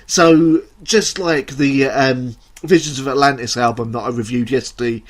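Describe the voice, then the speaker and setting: A man's voice: mid-range voice, fairly even intonation, normal speed. A man with an Essex accent giving a casual, rambling, self-deprecating album review straight to camera. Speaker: music reviewer.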